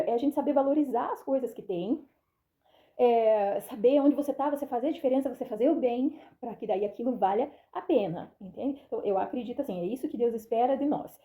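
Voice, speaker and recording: A woman with a high, mellow voice chats through a daily devotional vlog. She is earnest and emotional and acts out what others say in short quoted bursts. She speaks in loose, conversational phrases. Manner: warm and earnest about faith and plants. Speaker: devotional vlogger. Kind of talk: casual spoken reflection.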